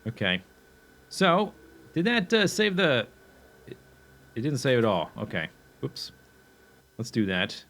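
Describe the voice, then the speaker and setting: A man's voice: medium pitch, big pitch swings, takes it slowly, long pauses, a bit bright. A young man casually commenting on his own gameplay as he plans a factory build, thinking aloud with fillers and self-corrections, and he has the hiccups. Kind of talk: casual let's play commentary.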